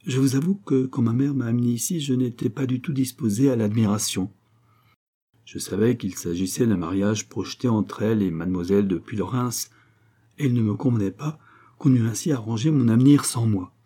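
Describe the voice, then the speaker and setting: A man's voice: medium pitch, fairly quick, dark tone, close to an everyday voice. A man reading the part of a nervous young male count, an earnest suitor who pleads eagerly and lifts his voice as he talks.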